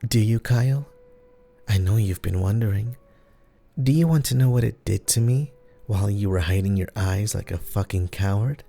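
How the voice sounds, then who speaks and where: A man voicing a creature that fakes a young woman's voice, at first sweet and calm, then spiteful and taunting. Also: fairly low pitch, normal speed, creaky. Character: door creature faking a young woman's voice, cruel.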